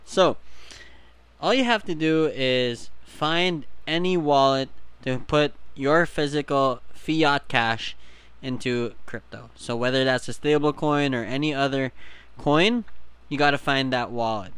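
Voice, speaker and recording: A man's voice: mid-range voice, measured pace, fairly bright tone, clear, resonant tone, dry recording. A man co-hosting a casual crypto chat, explaining things step by step and laughing often. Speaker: co-host.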